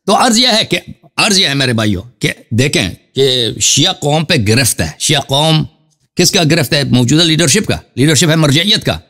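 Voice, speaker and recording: A man gives a fervent religious talk in a fairly high voice. His pitch leaps up and down as he drives each point home. He repeats himself for emphasis and calls out to his listeners as brothers. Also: animated, sharp tone. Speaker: Shia cleric answering a question.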